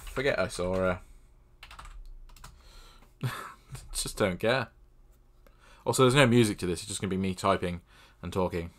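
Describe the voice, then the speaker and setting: A young man casually playing a text adventure, reading the game's text aloud and adding deadpan, self-mocking asides at a desk mic. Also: sits low, normal speed, long pauses. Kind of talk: casual let's-play commentary.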